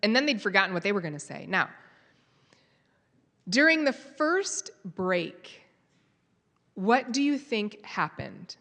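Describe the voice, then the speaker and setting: Speaking slowly with long pauses, an American woman gives a live conference talk in a medium-pitched, sing-song, fairly bright voice. She tells a story and quizzes the audience, with a long hall reverb in the recording.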